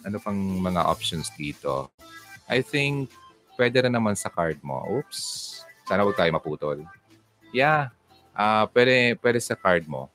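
A man hosting a casual livestream, answering viewer comments and giving relationship advice in a chatty, teasing way. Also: low-pitched. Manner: chatty, teasing, animated, switches into English.

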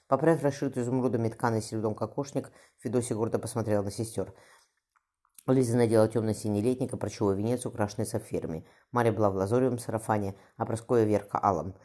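A woman reads a historical novel aloud at a quick pace. Her voice is very low and mellow, and the delivery is plain, with occasional restarts. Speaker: audiobook reader.

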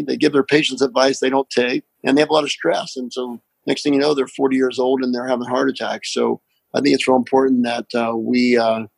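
A man's voice: mid-range voice, vocal fry, dry recording, low-quality recording. A middle-aged man with an Appalachian accent, a doctor answering interview questions conversationally. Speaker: pain physician, interview guest.

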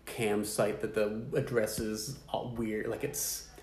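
A man's voice: lowish voice, flat delivery, takes it slowly, a little mellow, slight background noise. A man casually telling stories in a podcast chat, acting out both sides of online conversations in a raised voice. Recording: roomy echo.

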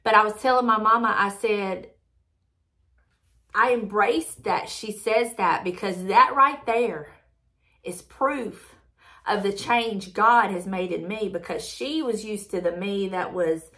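Lady reading bible verses real slow and reverent, middle-aged, breaks out in praise now and then. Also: medium pitch, sharp tone. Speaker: devotional video host. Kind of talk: devotional scripture reading and testimony.

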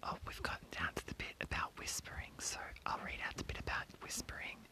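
An ASMR host speaking entirely in a breathy whisper, reading an article aloud and adding informal, rambling asides. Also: fast. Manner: informal, rambling, self-commenting.

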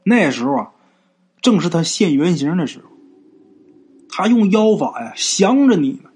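A blunt old Taoist priest who speaks in low, ominous tones and repeats his warnings, as a man acts him out in a told ghost story. The voice is husky and rough-edged. Its pitch still swings widely between lines. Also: big pitch swings, normal speed, a little mellow.

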